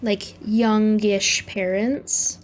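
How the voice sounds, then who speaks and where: A Canadian woman livestreamer chatting casually over a game, rambling in a sleepy, low-key but playful way. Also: steady tone, extremely slow, slight background noise. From British Columbia, Canada. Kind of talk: casual chat while playing a farming game. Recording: music behind the voice. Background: music.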